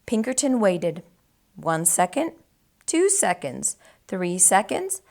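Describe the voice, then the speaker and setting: A woman whose voice is on the low side reads a children's book aloud slowly at storytime, using an animated style for young listeners.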